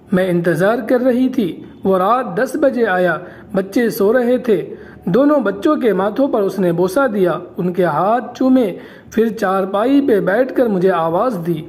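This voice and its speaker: A woman's voice: mid-range voice, darkish tone. Woman narrating an emotional story. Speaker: channel storyteller. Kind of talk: first-person story narration.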